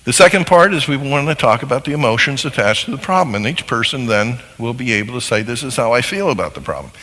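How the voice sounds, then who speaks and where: A man giving a seminar talk to a live audience, animated and acting out little scenes as he explains. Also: medium pitch, fast talker, in a large hall, poor audio. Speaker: marriage seminar speaker.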